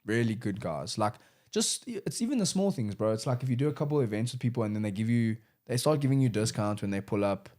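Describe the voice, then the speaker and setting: A young rapper and producer chats casually as an interview guest, laid-back and slangy, saying "bro" a lot and letting out quick laughs. His mid-range voice has lively intonation and a darkish tone.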